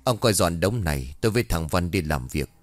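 A man doing a calm commanding exorcist. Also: low-pitched, a little fast, no room sound. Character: calm authoritative exorcist master, middle-aged man.

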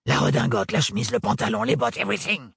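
A man reading an audiobook, voicing a cruel, mocking male villain who draws out his taunts slowly and drops in English words. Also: mid-range voice, big pitch swings, vocal fry, fairly bright tone, husky, no echo, studio quality, heavily acted. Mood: menacing. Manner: slow, drawn-out taunting, English words slipped in. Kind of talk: audiobook character voice.

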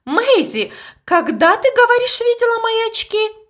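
A woman's voice: sits high, very animated, unhurried, a bit bright, pitched above the performer's own voice, heavily acted. A woman voicing a strict, suspicious governess who snaps out accusations. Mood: angry, accusing. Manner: snapping, accusing.

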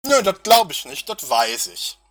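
Recorded over online voice chat, an angry local political party activist argues heatedly, confronting, accusing and mocking sarcastically. He has a high, sing-song voice at a measured pace. Background noise can be heard.

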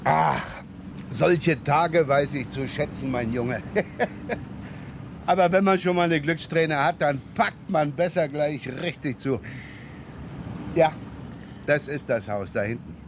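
An actor in a 1970s German radio crime drama playing a seasoned police inspector, brusque and wry. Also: male voice, a little high, takes it slowly, gravelly, pauses often. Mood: wry, musing. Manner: brusque questioning, wry chuckles. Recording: noisy radio-drama scene, vehicle sounds.

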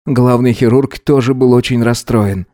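A man's voice: medium pitch, fairly even intonation, moderate pace, dark tone, dry recording, clean studio sound, close to an everyday voice. A man voicing a weary young surgeon. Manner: tired, restrained. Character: weary young male surgeon, grieving and hurt.

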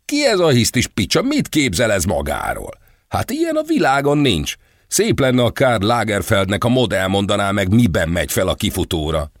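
A man's voice: on the low side, sing-song, dry recording, studio quality, pitched above the performer's own voice. A man voicing an arrogant, flamboyant male fashion designer in an audiobook, scornful and hot-tempered. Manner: scornful, irritated, shouting.

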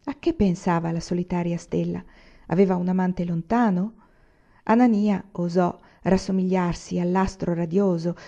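A woman narrating a classic novel in a measured, expressive audiobook reading. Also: mid-range voice, highs cut off. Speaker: audiobook reader.

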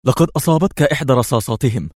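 A man voicing a tense, sharp young woman agent in a spy story. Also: medium pitch, racing, no echo, clean studio sound, voice pushed up, lightly acted. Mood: alarmed. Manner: sharp, urgent questions.

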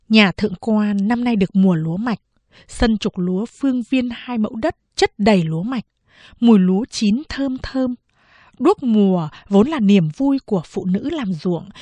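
Slow, measured woman narrating a novel. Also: medium pitch, darkish tone, dry recording. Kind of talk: audiobook narration.

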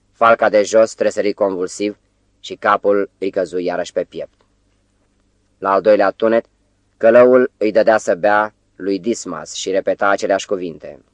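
A man reading a novel aloud as an audiobook narrator, in a measured, even-paced way. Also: fairly low pitch, dry recording. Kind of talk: scripted literary narration.

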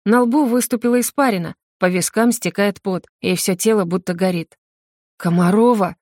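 A woman's voice: mid-range voice, a little fast, darkish tone, no echo, clean studio sound. A woman narrating a first-person story in an intimate, confessional reading voice. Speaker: audiobook narrator.

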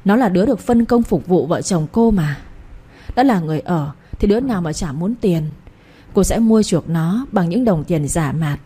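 A woman narrating a romance novel as an audiobook reader, with a steady, dramatic storytelling manner. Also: on the low side, normal speed, breathy edge.

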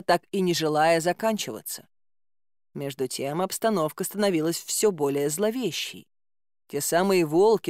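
A woman narrating a first-person fairy-tale audiobook in a wry, expressive storytelling manner. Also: fairly low pitch, no echo, studio quality.

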